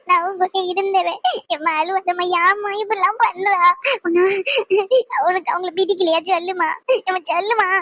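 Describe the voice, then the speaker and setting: A woman's voice: very high voice, a bit bright, dry recording. Woman voicing a sweet young cartoon daughter. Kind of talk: cartoon family drama acting.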